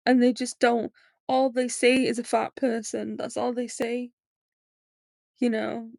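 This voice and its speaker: A podcast host in her late twenties speaks slowly and candidly about her own life in a loose, rambling monologue full of fillers. Her fairly high voice carries a gravelly fry and stays flat in pitch, and the sound is close and dry with no room sound.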